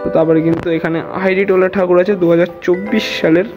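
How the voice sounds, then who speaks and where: A young man with a Kolkata Bengali accent rattles off a casual vlog tour at top speed, his voice a touch high. The recording is dull and lo-fi. Background music plays clearly underneath. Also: fairly even intonation. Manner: rapid chatty commentary, teasing friend. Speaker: vlogger. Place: museum grounds in Kolkata, walking.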